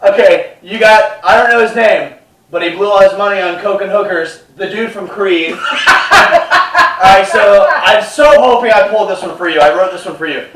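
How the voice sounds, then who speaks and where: A man hosting a casual interview at home, joking and laughing often while feeling under the weather. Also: sits high. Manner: playful, laughs often, quick asides. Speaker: podcast host. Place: house. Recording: roomy, distant mic, noisy.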